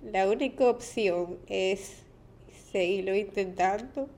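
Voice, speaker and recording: A woman's voice: medium pitch, slow, a little mellow. A young woman speaks on her confessional podcast in a tired, candid voice. She talks openly and with feeling, sometimes circling back over her words before she finds them. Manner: candid, emotional, repeats words while searching for them. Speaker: podcast host.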